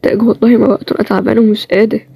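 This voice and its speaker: A woman voicing a tired, stubborn young man with an Egyptian accent, in a low-key, plain-spoken way. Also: flat delivery, very fast, creaky, breathy edge, no echo, dull audio. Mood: weary. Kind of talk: storybook role-play series.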